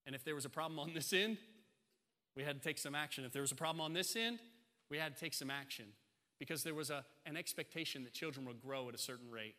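Male preacher, forties, bright edge to his voice, pounds home repeated phrases, long church reverb. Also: fairly high pitch, fast. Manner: emphatic, repeating phrases for stress. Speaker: pastor. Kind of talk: sermon. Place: church sanctuary.

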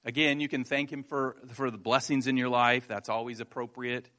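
A pastor speaks in a medium-pitched voice with little pitch movement, bright and forceful, at a moderate pace. Conversational and quick to laugh at himself, he relates a personal story and then earnestly exhorts his congregation.

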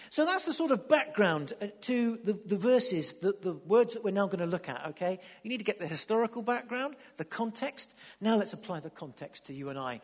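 A man preaching a sermon, stumbling over and repeating words, then building to excited emphasis. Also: high-pitched, husky. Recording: long hall reverb.

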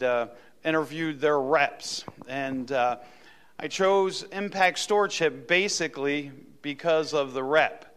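A man's voice: fairly high pitch, a bit bright, clean tone. A man speaking as a pastor, addressing his congregation in an introduction for a guest speaker.

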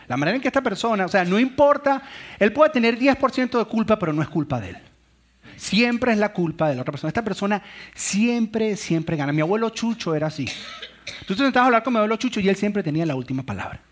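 A man's voice: sits high, animated, fast talker. A middle-aged man, a pastor, preaching a sermon on family conflict and telling stories with acted-out quotes. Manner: storytelling with acted-out quotes and laughs.

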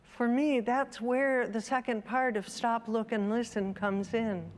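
Slow, measured woman in a reverberant hall. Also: a little high, steady tone, a little mellow, a little hiss or hum. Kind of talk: read-aloud story, then reflective sermon.

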